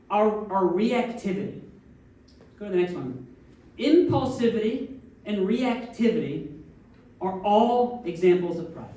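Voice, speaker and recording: High-voiced man preaching in echoey church. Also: a little mellow. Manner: conversational preaching with frequent audience check-ins. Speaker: minister. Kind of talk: sermon. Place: church sanctuary. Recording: very echoey distant room mic, faint background noise.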